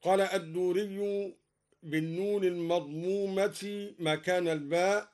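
A man explaining Quran reading variants slowly, chanting verse examples in a measured, melodic recitation style. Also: high voice, steady tone, darkish tone. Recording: live radio broadcast recording.

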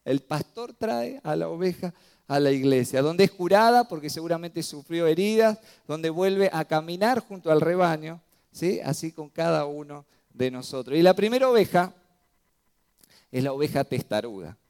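Rioplatense male pastor, smooth resonant voice, slightly high, sermon to a congregation. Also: animated, normal speed, a little mellow. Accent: Rioplatense Spanish. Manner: asks the congregation frequent rhetorical questions, checks with "¿sí?". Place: church.

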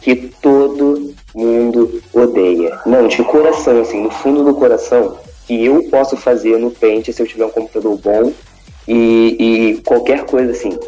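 A man's voice: mid-range voice, normal speed, dark tone, faint music behind, low-quality recording. A Brazilian man on a podcast, giving blunt, dismissive opinions in casual chat. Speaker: podcast co-host.

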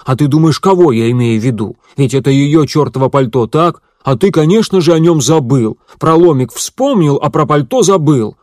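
A man voicing an angry, crude male accomplice who curses and shouts accusations. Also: medium pitch, moderate pace, no echo, studio quality, lightly acted. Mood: furious. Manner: loud, cursing, accusing.

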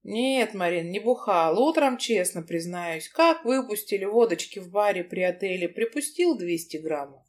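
A woman's voice: medium pitch, animated, moderate pace, few pauses, darkish tone, natural voice. A woman reading an audiobook, voicing a sleepy young man who mumbles evasive lies. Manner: drowsy, mumbling.

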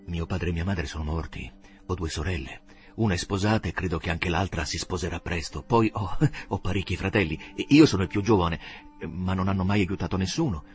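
A man reading aloud who voices an earnest young working-class man, humble and hesitant, halting over his words. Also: low-pitched, a little mellow, close to an everyday voice.

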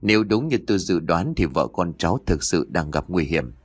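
A man reading the part of an elderly village exorcist in a spooky audiobook, grave and commanding. His voice sits very low, with a dry, close sound. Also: lively intonation, fairly quick, breathy edge, no echo.

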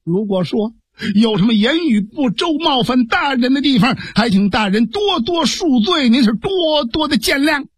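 A storyteller playing Jiang Ping, fierce and pleading. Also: male voice, extremely high pitch, expressive, moderate pace, slightly rough, no room sound, clean studio sound, voice pushed up, heavily acted. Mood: respectful. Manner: pleading, forceful, rhetorical. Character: earnest sworn brother urging a grieving official. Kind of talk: traditional storytelling dialogue.

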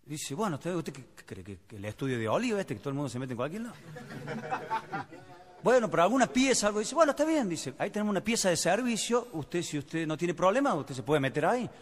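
A man's voice: on the high side, sing-song, fast. A man with an Argentine Spanish accent telling jokes, acting out the characters in funny voices and laughing along with them. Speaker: comedian. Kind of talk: stand-up joke telling. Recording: audience noise behind the voice. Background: crowd.

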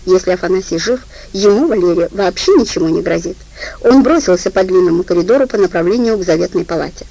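A woman narrating a crime audiobook in a low-key, steady reading voice. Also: fast, gravelly, low-quality recording.

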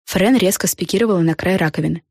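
A woman reading a children's storybook aloud in an expressive, measured manner. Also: on the low side, no echo, studio quality. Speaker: audiobook narrator. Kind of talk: storybook narration.

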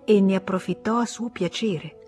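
Brief: female audiobook narrator, mid pitch, measured, expressive, faint music under the reading. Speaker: audiobook reader.

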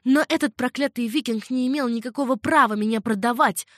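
A woman's voice: a little high, a little fast, dry recording, clean studio sound, close to an everyday voice. Fiery young captive noblewoman, read by a woman. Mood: indignant. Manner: indignant, raised and heated.

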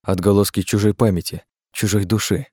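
A man narrating an audiobook in a steady, measured way. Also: lowish voice, husky, no room sound, studio quality.

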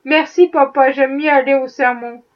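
A woman reading a novel aloud, voicing a sweet, devout little girl in a gentle, earnest way. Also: high voice, steady tone, moderate pace, far from the mic, dull audio, lightly acted. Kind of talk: audiobook reading.

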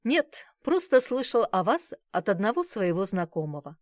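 A woman's voice: mid-range voice, very animated, moderate pace, no echo, studio quality, pitched above the performer's own voice, close to an everyday voice. A woman reading the part of a shaken, grateful, courteous man in an audiobook. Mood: earnest.

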